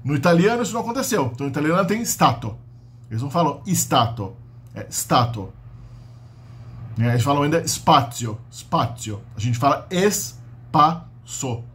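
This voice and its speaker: Brazilian man, slightly high voice, casual explanatory lecturer. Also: expressive, fairly quick, a bit bright. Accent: Brazilian Portuguese. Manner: explanatory, frequent "né?" tags and restarts. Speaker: linguistics teacher. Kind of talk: unscripted lecture.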